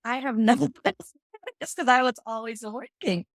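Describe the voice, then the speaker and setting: A woman's voice: fairly high pitch, moderate pace, dry recording. A woman from Fiji, a financial strategist, speaking as a guest in a casual interview and telling her story reflectively, often checking in with "right?" and "you know".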